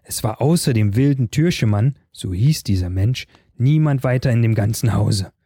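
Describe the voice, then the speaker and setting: A man reading a fairy tale aloud in a calm, measured storytelling voice. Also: medium pitch, husky, no echo, clean studio sound.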